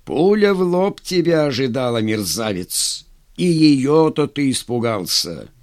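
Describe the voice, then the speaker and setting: A man voicing a stern, contemptuous army general who speaks gruffly, in a commanding way. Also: medium pitch, very animated, a little slow, darkish tone, no echo, clean studio sound. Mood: stern scorn.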